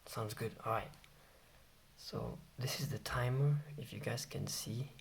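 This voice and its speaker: A vlogger chatting casually and very quietly, hushed as if others nearby are asleep at night. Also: mid-range voice, measured pace, gravelly. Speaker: vlogger reviewing gadgets. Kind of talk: casual hushed vlog chat. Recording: noisy home recording with clicks.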